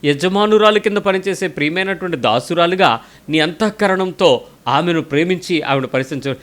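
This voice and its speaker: A man's voice: high-pitched, moderate pace, a bit bright. A man preaching a sermon, telling a story and quoting its people, pressing hard with questions aimed at the listener. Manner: tells a story and quotes the people in it.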